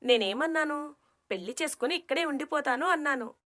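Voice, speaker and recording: A woman voicing an impulsive, naive young female alien in an animated story, blunt and outspoken. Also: high voice, fairly quick. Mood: eager. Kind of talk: storybook cartoon voice acting.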